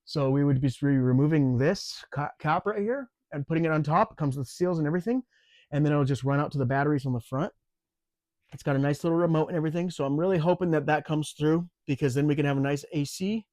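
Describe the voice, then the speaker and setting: A man's voice: on the high side, fast, no echo. A man with the hiccups gives a rambling, casual vlog walkthrough of repairs around his off-grid camper. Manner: rambling and relaxed, with fillers and restarts. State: has the hiccups. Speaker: off-grid homesteading vlogger. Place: outdoors and inside a camper on a rural off-grid homestead.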